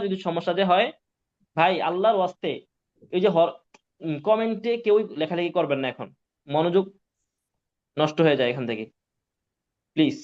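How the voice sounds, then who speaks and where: A man's voice: high voice, a little mellow. A male Quran teacher, giving a live online pronunciation lesson, patient and repetitive, often checking whether students follow. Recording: dull lo-fi sound.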